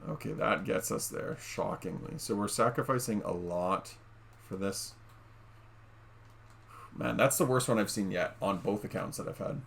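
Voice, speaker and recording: Low gravelly guy rambling over his game to the viewers, faint hiss behind. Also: normal speed, a bit bright. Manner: chatty, addresses viewers as guys, many fillers. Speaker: gaming YouTuber. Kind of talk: casual gameplay commentary. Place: home room.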